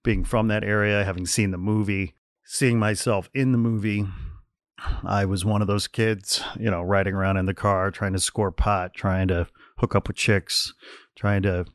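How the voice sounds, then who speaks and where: A man's voice: lowish voice, dry recording, studio quality. A man hosting a podcast in casual chat, laid-back, with frequent fillers and restarts. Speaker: podcast host.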